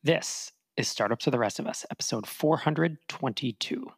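A man co-hosting a podcast in casual chat, telling stories in an animated, chatty way and laughing often. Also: mid-range voice, moderate pace, husky. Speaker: podcast co-host.

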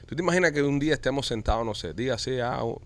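A man's voice: medium pitch, expressive, fast. A man hosting a casual podcast chat, rambling and joking with his guests. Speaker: podcast host.

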